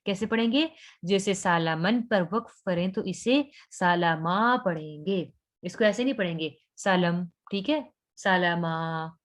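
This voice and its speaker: A woman teaches recitation at a slow, unhurried pace. She explains patiently and stretches each example word out long. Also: mid-range voice, lively intonation. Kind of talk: online tajweed lesson.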